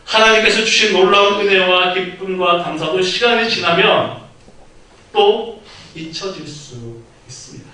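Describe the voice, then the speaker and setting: Male pastor, bright voice, dramatic storyteller, heavily echoing church hall heard from afar. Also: high voice, unhurried. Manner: storytelling preacher, acts out quoted speech with sudden loud outbursts. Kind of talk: sermon. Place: church sanctuary. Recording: very echoey hall, mic at a distance.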